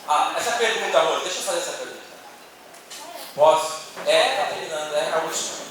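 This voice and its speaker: Speaking from a church panel in a meeting hall, a man with a Brazilian Portuguese accent gives a conversational talk to the audience, tossing in many tag questions. His voice is fairly high, animated and brisk. He holds a handheld microphone but sounds off-mic and distant, in a noisy, echoey hall.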